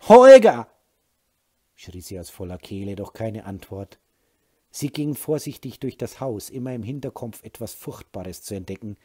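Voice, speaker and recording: A man narrating an audiobook in a calm, even storytelling manner with a husky voice. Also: fairly low pitch, moderate pace.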